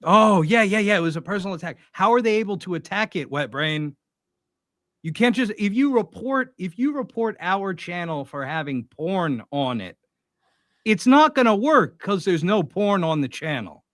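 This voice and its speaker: A man's voice: high voice, sing-song, unhurried, fairly bright tone, no room sound, studio quality. A young man hosting a show, reacting to a clip with sarcastic, mocking commentary. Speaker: host.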